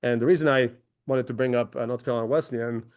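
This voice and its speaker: A man's voice: mid-range voice, fairly even intonation, quick pace, darkish tone. A man in his forties from Croatia, a company founder giving a conversational presentation with many fillers and restarts. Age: 40s. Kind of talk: webinar presentation.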